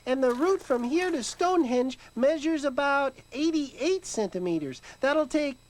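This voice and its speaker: A woman's voice: high-pitched, a little slow. A woman playing an eager, melodramatic young sidekick on a rescue quest in a children's TV sketch. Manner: excitable, melodramatic.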